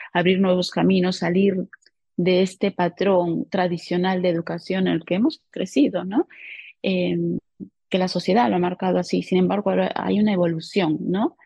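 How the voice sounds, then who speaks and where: Husky-voiced woman psychologist on a call. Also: lowish voice, warm tone, dry recording. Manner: earnest, explanatory, keeps adding tag questions. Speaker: guest psychologist. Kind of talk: casual interview conversation. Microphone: remote call. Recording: dull lo-fi call audio.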